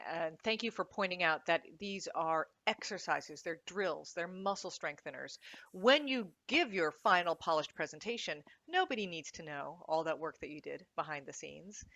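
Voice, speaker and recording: A woman on a podcast panel describing speaking exercises with energetic, emphatic delivery. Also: lowish voice, no echo. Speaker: improv and speaking coach. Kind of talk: animated panel discussion.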